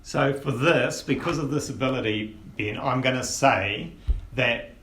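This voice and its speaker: A man narrating as game master of a tabletop game, relaxed and rambling with many fillers. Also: medium pitch, a little slow. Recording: echoey room with faint hiss.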